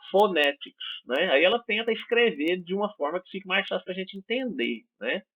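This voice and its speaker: Brazilian teacher on a tinny line. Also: male voice, high voice. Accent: Brazilian Portuguese. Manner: explanatory, checks in with frequent "certo?" and "né?". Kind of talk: recorded online class. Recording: tinny phone-like audio.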